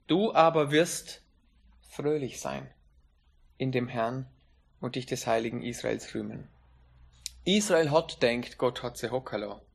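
A man's voice: medium pitch, a little slow, gravelly, pauses often, breathy edge. German-speaking male preacher, emphatic. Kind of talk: sermon.

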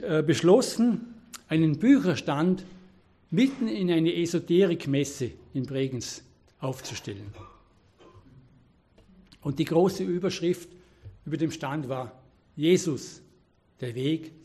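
A man delivering a church sermon in an earnest, exhorting way. His voice sits a little high for a man. He reads scripture passages with careful emphasis. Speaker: preacher.

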